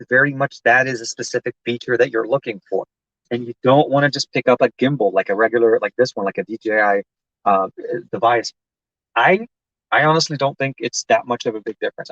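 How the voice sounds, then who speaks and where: A man's voice: mid-range voice, no echo, lo-fi sound. Chatty man hosting a tech live stream. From Lebanon. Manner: rambling and chatty, many fillers and restarts. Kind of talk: casual live-stream chat answering comments. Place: inside a parked car.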